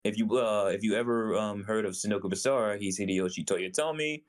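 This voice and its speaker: A man's voice: fairly low pitch, brisk. A man on a gaming podcast panel in casual chat, sharing trivia with hesitant fillers.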